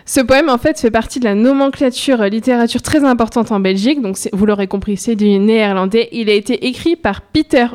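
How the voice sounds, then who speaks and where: Woman, radio poetry presenter, slightly high voice, playful, laughs a lot. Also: brisk, few pauses, a little mellow. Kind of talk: radio chat and reading.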